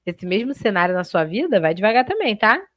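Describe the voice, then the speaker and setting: A woman teaches Portuguese in a live online exam-prep class, lively and chatty, talking straight to her students. Her voice sits in an ordinary middle range. The sound is close and dry, with no room around it. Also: mid-range voice, fairly quick, no echo, dull audio.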